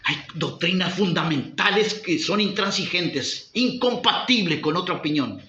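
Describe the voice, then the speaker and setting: A man's voice: high-pitched, animated, a little slow, sharp tone, reverberant, muffled recording. A man preaching a sermon as pastor, driving points home with rhetorical questions. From Uruguay.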